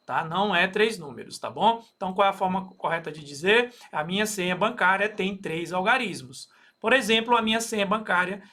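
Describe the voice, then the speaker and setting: A man's voice: sits high, bright, forceful tone. A Brazilian man teaching a recorded math lesson, explaining step by step with many fillers and frequent "okay?" checks. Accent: Brazilian Portuguese.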